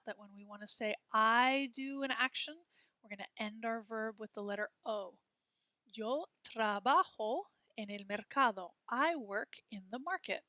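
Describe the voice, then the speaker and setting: A woman teaching a beginner Spanish class from a textbook, modeling words slowly and clearly for students to repeat. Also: a little high, bright, forceful tone, no room sound. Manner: slow, exaggerated modeling of words for repetition. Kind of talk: classroom lesson reading from a textbook.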